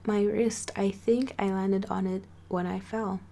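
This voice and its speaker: A woman voicing a guarded, withdrawn young woman who speaks slowly and hesitantly in an amateur story reading. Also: medium pitch, little pitch movement, gravelly, warm tone. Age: young adult.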